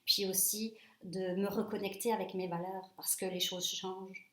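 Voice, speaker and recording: A woman's voice: medium pitch, moderate pace. French woman in her forties, echoey room. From France. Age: 40s. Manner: relaxed, hesitant with frequent fillers. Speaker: reflexologist presenting her practice. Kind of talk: casual self-introduction to camera.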